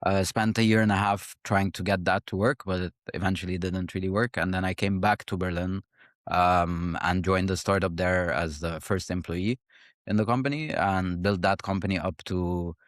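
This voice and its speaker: A man's voice: low-pitched, steady tone, moderate pace, dry recording, studio quality. A man in his thirties from Egypt, a startup founder giving thoughtful, conversational interview answers with frequent fillers and restarts.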